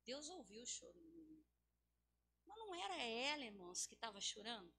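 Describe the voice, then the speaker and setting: A woman from Brazil delivers a sermon in church with a high, bright, cutting voice. She exhorts her listeners passionately, rising to loud calls and falling back to near-hushed tones. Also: very animated, fairly quick, vocal fry. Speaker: preacher.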